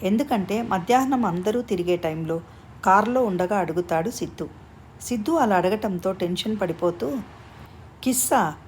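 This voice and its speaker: A woman narrating a story in a calm, even reading manner. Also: medium pitch, normal speed, a little hiss or hum.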